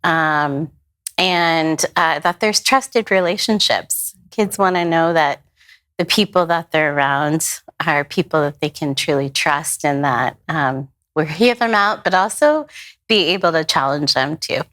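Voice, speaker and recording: A woman pastor speaking in a thoughtful, measured way during a roundtable discussion. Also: deep voice, fairly bright tone. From United States.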